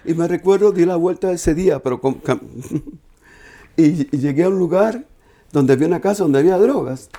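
Man, slightly high voice, earnest and halting, giving an emotional personal testimony. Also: dark tone. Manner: halting, earnest storytelling with repeated restarts. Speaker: speaker sharing a personal testimony.

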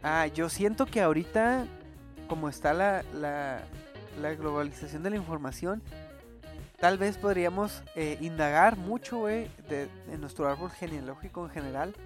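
A young woman with a Mexican accent and a deep voice chats casually at normal speed, packing her talk with street slang and swearing. Soft music plays in the background.

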